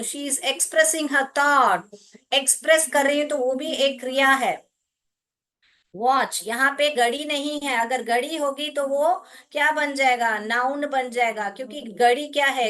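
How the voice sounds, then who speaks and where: An Indian woman who teaches English explains things slowly and patiently during a live online class, her voice high and a little bright. She blends Hindi with English and addresses her pupils as "beta."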